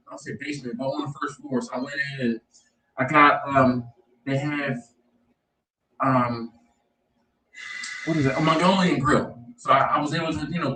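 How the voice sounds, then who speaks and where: Guy rambling on a livestream, sounds like hes in a tunnel, echoey and far off. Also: a little high. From Philadelphia. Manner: rambling, relaxed storytelling with many fillers. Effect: muffled echoing tunnel-like audio. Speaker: livestream host. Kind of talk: casual chat. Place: outdoors near a pellet smoker. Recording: echoey distant stream audio with crowd noise.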